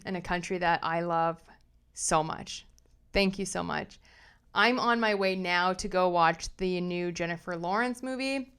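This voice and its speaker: A young adult woman hosting a casual commentary vlog, chatty and animated as she reads messages aloud and reacts to them. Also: lowish voice, clean tone. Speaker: pop culture commentary host.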